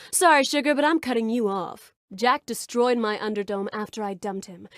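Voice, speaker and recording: A woman's voice: on the high side, no room sound, studio quality, lightly acted. A woman voicing a flirtatious, brash bar owner in a video game, speaking in a sultry, suggestive purr. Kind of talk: video game character dialogue.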